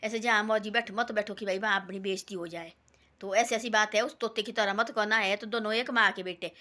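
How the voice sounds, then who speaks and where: A woman's voice: mid-range voice, steady tone, a little fast, pushed and bright. A woman vlogger casually retelling a devotional moral story in a rambling, folksy way, full of quoted voices.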